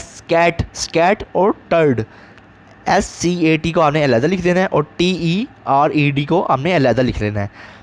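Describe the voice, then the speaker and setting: A male teacher, explaining an English lesson step by step and reading example sentences slowly. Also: on the high side. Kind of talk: recorded classroom lesson.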